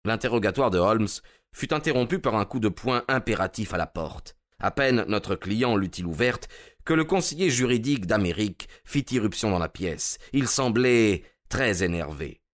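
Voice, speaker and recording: A man narrating a detective story in a steady, measured way. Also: fairly low pitch.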